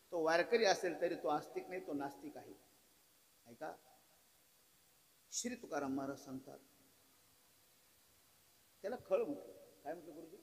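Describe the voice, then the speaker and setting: A man's voice: high-pitched, poor audio. A middle-aged man with a Marathi accent preaching a devotional kirtan sermon. He tells a story and often puts questions to his listeners. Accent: Marathi, rural Maharashtra. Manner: emphatic, rising to loud exclamations, quizzes the audience.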